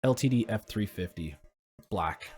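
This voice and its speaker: A man's voice: on the low side, lively intonation, measured pace, a little mellow, husky. A young man co-hosting a podcast, chatting casually, swearing freely and laughing easily. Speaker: podcast co-host. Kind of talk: casual chat.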